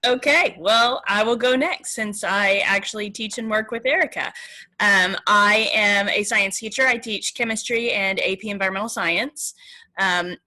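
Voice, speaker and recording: Woman, bright tone, mid pitch, brisk casual teacher intro. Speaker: science teacher. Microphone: video call.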